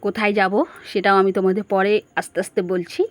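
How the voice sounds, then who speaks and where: A woman's voice: medium pitch, level tone, fast. A woman narrating a casual family vlog, chatting straight to her viewers and asking them questions. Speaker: family vlogger.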